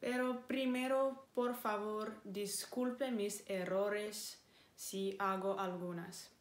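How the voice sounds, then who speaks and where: A woman in her twenties from Moldova with a Moldovan accent and Romanian as her first language, talking casually to camera as a vlogger in a careful, deliberate way with small pauses. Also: mid-range voice, steady tone. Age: 20s. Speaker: vlogger and English teacher. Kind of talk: casual vlog talk to camera. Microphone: camera mic. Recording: echoey room.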